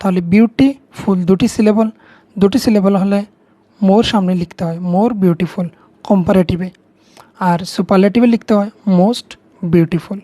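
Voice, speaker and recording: Woman teaching grammar, mellow and dry. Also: mid-range voice, unhurried, dry recording. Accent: Bengali. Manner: patient, step-by-step explaining, repeats key words. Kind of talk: explaining English grammar to students.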